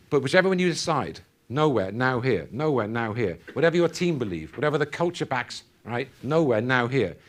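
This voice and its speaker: A man giving a motivational keynote at a conference, quizzing the audience in call-and-response fashion. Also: mid-range voice. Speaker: keynote speaker. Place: conference hall.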